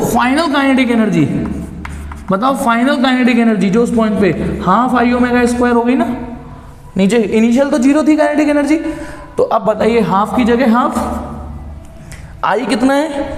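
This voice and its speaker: A man's voice: extremely high pitch, measured pace, long pauses. A male physics teacher working through a problem step by step, repeating key phrases and mixing in English terms. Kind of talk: blackboard lesson. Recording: echoey room with long reverb.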